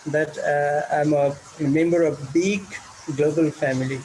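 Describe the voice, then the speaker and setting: Nepali guy on a video call, slow and hesitant, lots of uhs, bit of hiss behind. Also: fairly high pitch, steady tone, a little mellow, low-quality recording. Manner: halting, many fillers and restarts. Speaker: teacher and club organizer.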